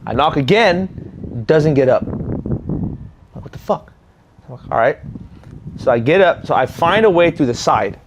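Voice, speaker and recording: A man's voice: fairly high pitch, moderate pace, noisy background. A man co-hosting a casual chat, telling stories bluntly and with plenty of swearing. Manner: blunt, profane, animated storyteller. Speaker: podcast co-host.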